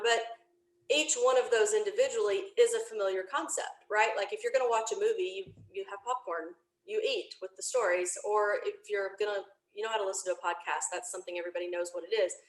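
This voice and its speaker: In a medium-pitched, slightly bright voice, a woman chats informally as a guest on a remote video interview from her home office. She created a podcast and explains the venture in rambling detail, captured in a rough, reverberant recording.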